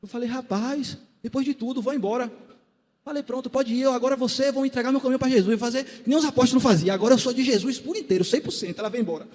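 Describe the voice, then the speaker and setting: A man preaches his own testimony in a large church hall. His voice sits very high and the words come quickly. A long reverb trails behind every phrase. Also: fairly even intonation. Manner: swings from quiet storytelling to shouted exhortation.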